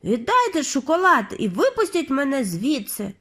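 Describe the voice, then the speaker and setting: A woman's voice: sits high, very animated, normal speed, pitched above the performer's own voice. A woman doing a whiny spoiled boy. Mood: demanding. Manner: whiny, demanding shouts.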